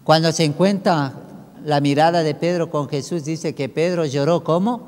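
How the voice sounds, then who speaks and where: A male pastor delivers an emphatic sermon, firing off rhetorical questions at the congregation. His voice sits high for a man. The sound carries a long echo of a church hall. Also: steady tone, normal speed, darkish tone.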